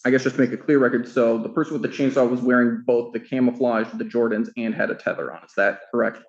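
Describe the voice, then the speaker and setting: A man questioning a witness in court in a measured, methodical way. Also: medium pitch, fairly even intonation, dull audio. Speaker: attorney.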